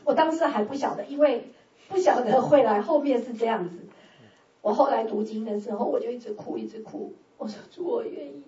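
A woman giving a sermon testimony, lively, swinging from loud exclamations to hushed prayerful tones and laughing often. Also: on the high side, fairly quick. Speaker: church speaker giving testimony. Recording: roomy, distant and dull church sound.

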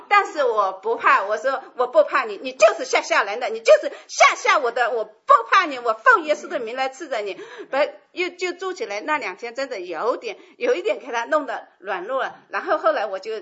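Woman, church testimony, high voice, emotional, laughing, lo-fi sound. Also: fairly bright tone, husky. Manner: emotional, exclaiming, laughs often. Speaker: church member giving testimony. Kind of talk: personal testimony. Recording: lo-fi recording.

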